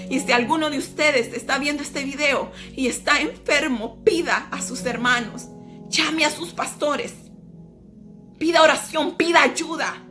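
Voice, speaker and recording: A woman's voice: sits high, pushed and bright. A woman hosting an earnest, emphatic devotional sermon. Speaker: preacher host.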